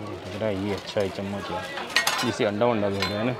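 A man's voice: on the low side, steady tone, a little fast, loud music behind the voice. A man vlogging his shopping trip, chatting and haggling playfully with sellers at an outdoor market. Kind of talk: casual shopping vlog. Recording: busy outdoor market crowd.

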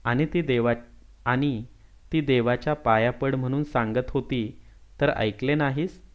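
A man voicing a strict village father with a quick temper who questions his son sharply. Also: medium pitch, dull audio, natural voice. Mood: angry.

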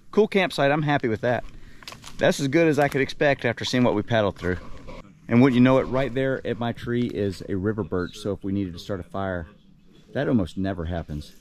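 A man's voice: lowish voice, a little hiss or hum. A man, chatting and joking at an outdoor riverside campsite while filming on a handheld camera. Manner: joking, laughs often. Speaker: vlogger filming a camping trip. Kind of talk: casual chat.

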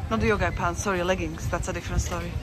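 Amid traffic and the bustle of the street, a woman vlogs her walk through an outdoor city market. She has a lowish, fairly even voice and talks quickly, rambling casually, correcting herself and laughing often.

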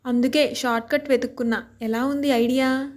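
A man's voice: very high voice, steady tone, moderate pace. A woman reading as a breezy young suitor. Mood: earnest. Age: young adult. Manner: playful, talkative. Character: friendly confident young man, a suitor.

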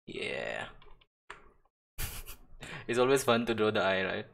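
A man's voice: lowish voice, fast talker. A man casually chatting on a live stream as he paints, rambling, laughing and trailing off into mumbles. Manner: rambling, self-interrupting, laughs and swears often; drifts into quiet mumbling to himself while working. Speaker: digital artist streaming.

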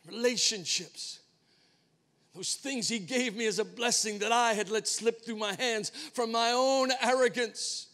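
A male pastor preaching a sermon, telling a personal story with dramatic swings between hushed and emphatic delivery. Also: very high voice, long reverb tail. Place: church sanctuary.

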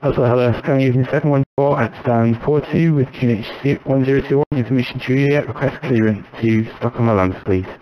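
A man speaking as a pilot, reading back air traffic control instructions over the radio in halting procedural phrases. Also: mid-range voice. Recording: dull lo-fi radio audio.

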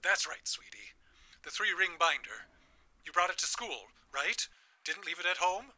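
A man's voice: sits high, very animated, normal speed, bright, forceful tone, full character voice. Frantic old grandfather. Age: older. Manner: urgent, stammering, pleading. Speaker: grandfather on a payphone.

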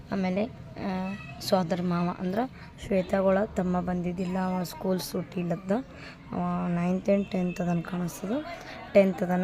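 A middle-aged vlogger talks through a family ceremony, repeating herself as she explains each custom. Her voice sits low for a woman and stays even in pitch, with little rise or fall. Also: noisy background. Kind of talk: casual narration over family ceremony footage.

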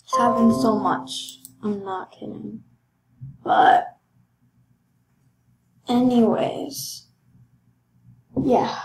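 A woman's voice: medium pitch, fairly even intonation, takes it slowly, gravelly, reverberant, slight background noise, poor audio. A young woman chatting casually while playing a horse game, rambling and joking about being broke, her voice a little cracky. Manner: chatty, rambling, self-deprecating. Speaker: gaming vlogger.

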